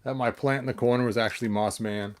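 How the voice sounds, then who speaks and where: Hosting a story-time video, a toy collector chats casually and playfully while handling action figures, often muttering to himself. His voice sits at medium pitch and stays steady, and he talks fast.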